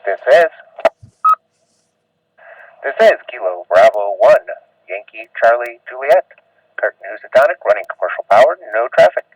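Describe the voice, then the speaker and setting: A man's voice: mid-range voice, lively intonation, moderate pace, pauses often. A man checking in to a radio net in a clipped, procedural way, heard over a two-way radio with static. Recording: distant, muffled radio transmission.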